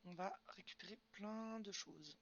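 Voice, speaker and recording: Chatting casually while gaming on a live stream, a young woman responds to chat questions using lots of fillers. She talks unhurriedly in a medium-pitched voice; the highs are cut off and there's a slight hiss or hum.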